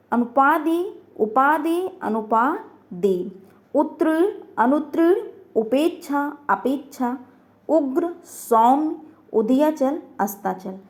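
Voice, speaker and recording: Woman, high-pitched, online grammar teacher, asks and answers her own questions. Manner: repeats words and asks herself questions.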